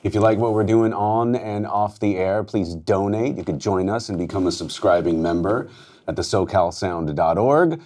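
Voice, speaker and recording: A man's voice: fairly low pitch, normal speed, darkish tone. A man hosting a radio interview in a station studio, upbeat and talking with many fillers. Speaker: radio host.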